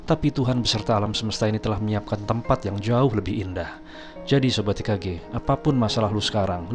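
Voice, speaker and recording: Chatty man telling stories. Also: on the low side. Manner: chatty, keeps addressing his audience. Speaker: motivational vlogger. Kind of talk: storytelling vlog. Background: background music.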